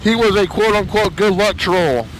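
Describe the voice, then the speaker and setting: A motorcycle vlogger with a hoarse, slightly high voice talks casually to his camera at a normal pace. He rambles emotionally, frequently stopping and restarting his sentences. The audio is poor, with a faint hiss of background noise underneath.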